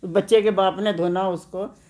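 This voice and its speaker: A woman's voice: mid-range voice, fairly even intonation, measured pace, warm tone. A woman preacher with a north Indian Hindi accent gives a devotional discourse, telling a story with chanted refrains and acted-out quotes.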